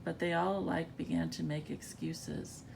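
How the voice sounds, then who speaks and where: Over rumbly background noise on poor audio, a woman reads scripture casually in a sleepy, just-awake voice that is gravelly, creaky and a little mellow. She keeps a moderate pace and fairly even intonation.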